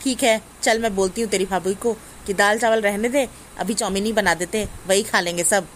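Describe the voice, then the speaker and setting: A woman's voice: mid-range voice, fairly even intonation, brisk, a little hiss or hum, close to an everyday voice. A woman playing a bossy, doting middle-aged mother-in-law who scolds her daughter-in-law in a family comedy skit. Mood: soothing. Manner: scolding, commanding.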